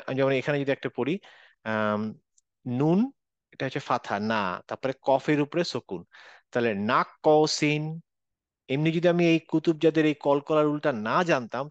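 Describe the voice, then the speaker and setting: A male recitation teacher in an online class, explaining rules and demonstrating sounds slowly with many repetitions. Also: mid-range voice, no echo. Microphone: video call. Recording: dull, dry online call audio.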